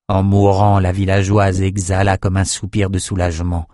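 A man narrating an audiobook in a steady, measured reading on a close mic. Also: low voice, dry recording. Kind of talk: scripted narration.

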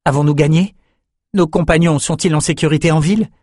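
A man's voice: on the high side, steady tone, a little fast, darkish tone, dry recording, studio quality, pitched above the performer's own voice, natural voice. A man voicing an earnest, brave young male swordsman in an audiobook.

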